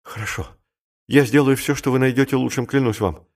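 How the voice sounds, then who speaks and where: A man voicing a timid, frightened young male clerk who speaks in a hushed, trembling voice, in an audiobook. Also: mid-range voice, steady tone, quick pace, close to an everyday voice. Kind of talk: audiobook character reading.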